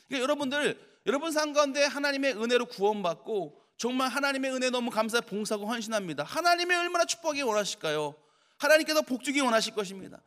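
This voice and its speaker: A man preaching a sermon in church as pastor, animated and acting out quoted people in lively voices. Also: very high-pitched.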